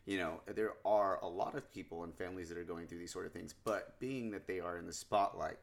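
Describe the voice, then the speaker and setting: A man's voice: low voice, steady tone, fairly quick, creaky. A man in casual podcast chat, rambling and swearing freely with lots of fillers.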